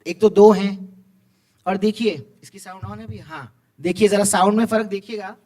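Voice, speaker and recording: A man with an animated, encouraging manner, teaching tabla to students in a school hall. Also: high-pitched, normal speed. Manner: animated, encouraging, recites tabla syllables aloud. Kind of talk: lively school music workshop. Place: school hall with live music.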